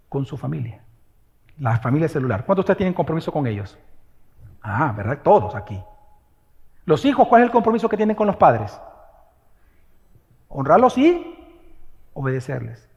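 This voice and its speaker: A man's voice: high-pitched, vocal fry, a little mellow, in a large hall, muffled recording. A male pastor preaching a sermon in a church, questioning the congregation and driving his points home with emphasis. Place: church sanctuary.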